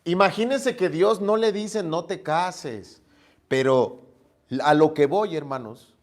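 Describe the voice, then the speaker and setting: A male preacher delivers a sermon in a storytelling manner. His voice sits a bit high and rises and falls a lot as he acts out the dialogue. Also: expressive, a little slow, darkish tone. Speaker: pastor.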